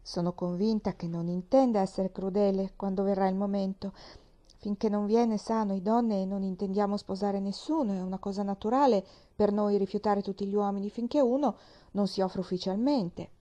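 Earnest reserved young woman, read by a woman, measured and mellow. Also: mid-range voice, steady tone, natural voice. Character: Anne Elliot, earnest young woman nearly twenty-seven, reserved.

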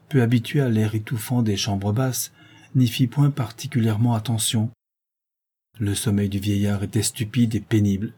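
A man reading a classic novella aloud as narrator in a measured, literary way. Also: on the low side, dark tone, husky.

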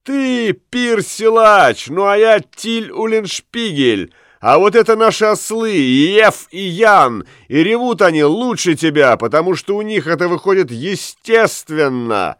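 A man voicing a cocky young male prankster who taunts loudly and mockingly. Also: sits high, sing-song, a little slow, few pauses, clean tone, no echo, clean studio sound, pitched above the performer's own voice, heavily acted. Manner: loud, taunting.

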